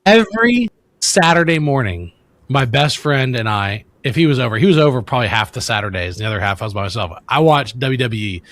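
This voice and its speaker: A man's voice: mid-range voice, expressive, a little fast, a bit bright, no room sound. A man, co-hosting a casual podcast interview in a chatty, friendly way with many restarts. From Louisiana, US. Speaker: podcast co-host.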